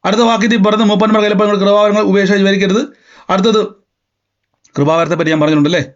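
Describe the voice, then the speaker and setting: A male pastor delivers a sermon, reading scripture and asking the congregation one rhetorical question after another. His voice sits high for a man. The recording is dull and lo-fi. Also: steady tone, fast. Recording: dull lo-fi sound.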